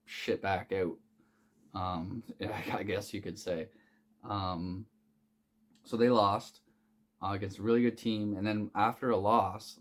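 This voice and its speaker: Man, low-pitched, casual betting picks talk, rambling, swears a lot, hiccuping. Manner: rambling, profane, many fillers and restarts. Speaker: sports betting picks host.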